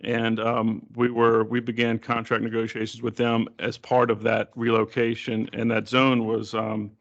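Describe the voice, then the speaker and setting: A man's voice: mid-range voice, monotone, normal speed, creaky, muffled recording. A man presenting as a developer at a public meeting, hesitant and repeating words.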